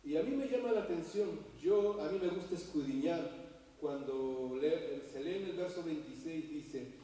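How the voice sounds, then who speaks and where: A man delivers a sermon in a big hall, heard from a distance with a long echo. His voice is mellow and somewhat high. He gets animated and loud when he acts out quotes and asks questions. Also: moderate pace. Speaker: preacher. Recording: echoey hall heard from far off.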